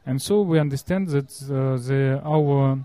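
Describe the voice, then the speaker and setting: A man from Russia with a Russian accent, explaining in an interview in halting non-fluent English, often searching for words. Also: mid-range voice, warm tone, no echo.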